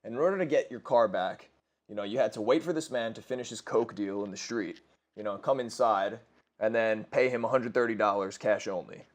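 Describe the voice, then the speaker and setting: A twenty-something gaming commentator with a lowish, fairly quick voice tells crude, rambling stories over gameplay. He swears a lot and keeps correcting himself as he goes.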